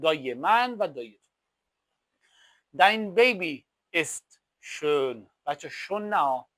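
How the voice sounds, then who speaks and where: A man whose first language is Persian teaches German at a fairly high pitch that swings widely. He slows to a crawl on each example phrase and repeats it like a drill. The sound is dry and close, with no room echo. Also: a bit bright. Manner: slow, drawn-out German example phrases between quick explanations. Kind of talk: language lesson explaining examples.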